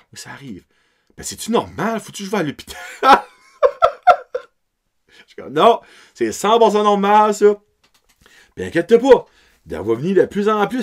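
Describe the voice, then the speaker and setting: Animated Acadian man telling stories. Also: a little high. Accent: Acadian French. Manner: animated, laughing, mixes English words into French. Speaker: podcast host. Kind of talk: casual storytelling.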